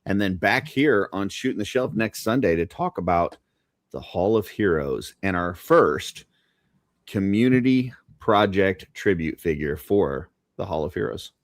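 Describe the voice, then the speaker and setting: Deep-voiced man in his forties. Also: dry recording, studio quality. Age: 40s. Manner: relaxed, halting. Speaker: co-host. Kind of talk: casual chat.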